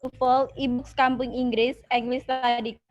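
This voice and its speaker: A woman's voice: a little high, little pitch movement, a little slow, dull audio. A woman tutor announcing a course offer over an online class, her voice coming through choppy and delayed, with frequent hesitant fillers. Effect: choppy, lagging online call audio. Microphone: video call.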